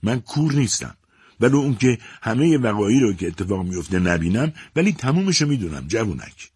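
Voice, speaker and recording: A man's voice: medium pitch, huge pitch swings, breathy edge, no echo, studio quality, voice pushed up. A man voicing a suspicious, scolding mother who mocks and accuses her son. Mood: mocking. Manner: sneering, accusing.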